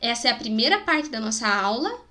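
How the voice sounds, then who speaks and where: A woman's voice: a little high, very animated, brisk, pushed and bright. A woman with a Spanish-speaking accent teaching a video lesson to schoolchildren, patiently explaining and sounding out example words. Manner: explains patiently, checks in with "né?" and "tá bom?".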